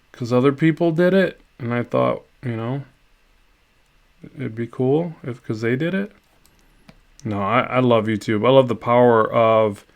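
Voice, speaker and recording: A middle-aged man paints on a live stream from his home studio, chatting casually and rambling, self-deprecating and restarting his sentences often. His voice is mid-range and creaky.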